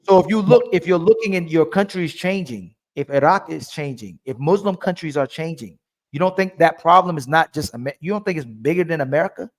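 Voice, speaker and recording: A man's voice: on the high side, lively intonation, a little fast. A man hosting a livestream call-in debate, pressing his caller with repeated questions. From family from Turkey. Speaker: livestream host.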